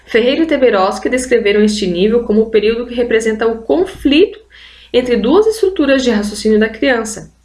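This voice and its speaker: A woman's voice: fairly high pitch, animated, fairly quick, darkish tone. Brazilian woman teaching in an echoey room. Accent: Brazilian Portuguese. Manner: explains with frequent "olha só" prompts, addressing viewers as "gente". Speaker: literacy teacher. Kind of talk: online video lesson.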